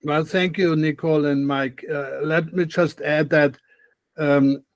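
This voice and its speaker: A slightly high, fairly even voice at a measured pace belongs to an older man from Austria with an Austrian accent. As a guest expert on a video call from a home room, he answers interview questions thoughtfully and frequently starts his sentences over. There's no echo.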